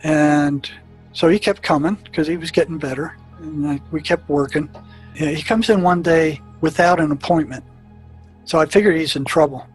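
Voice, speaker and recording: Halting man recounting past cases. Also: a little high, husky, soft background music, low-quality recording. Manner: halting, repeats words and restarts often. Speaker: former prison therapist. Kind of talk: storytelling recollection.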